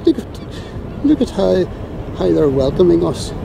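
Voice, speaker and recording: Filming outdoors on a windy harbour quay, a man from Northern Ireland rants sarcastically with exasperated, drawn-out delivery in a high, gravelly voice. The handheld camera mic captures steady wind and traffic noise.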